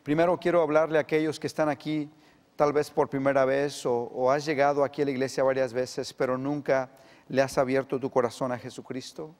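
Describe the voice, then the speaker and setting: A middle-aged male pastor, preaching emphatically and swinging between loud and hushed delivery. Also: medium pitch, flat delivery, a little fast, big-room sound. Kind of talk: sermon.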